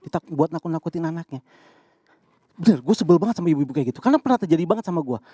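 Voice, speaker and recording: A man's voice: fairly high pitch, expressive, very fast, warm tone, breathy edge, no room sound, studio quality. A male comedian doing a punchy stand-up set, acting out characters in his bits.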